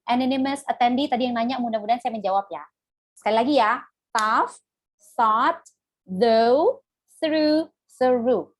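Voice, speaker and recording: Woman English teacher, high voice, unhurried, playful, code-switching, on a video call. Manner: mixes Indonesian and English, playful, laughs often. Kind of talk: live online class.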